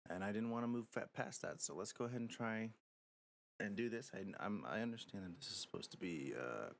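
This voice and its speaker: A man's voice: lowish voice, expressive, fairly quick, creaky, slight background noise. A man casually commentating a live game stream, rambling and thinking aloud as he talks to his viewers.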